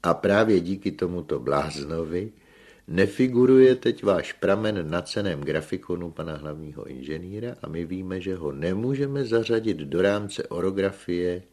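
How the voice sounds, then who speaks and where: A man's voice: deep voice, expressive, darkish tone. A man putting on a pompous young engineer lecturing. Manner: slow, emphatic lecturing with rolled R.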